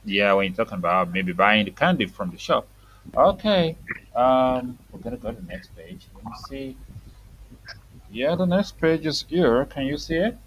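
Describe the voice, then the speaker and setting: A woman's voice: a bass voice, sing-song, moderate pace, slight background noise, low-quality recording. A woman teaching reading to a young child, saying words for the child to repeat and explaining them simply.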